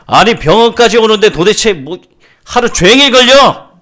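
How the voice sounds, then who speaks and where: A man voicing a furious middle-aged father who yells rude accusations at a doctor. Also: high-pitched, lively intonation, normal speed, pitched above the performer's own voice. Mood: shouting angrily.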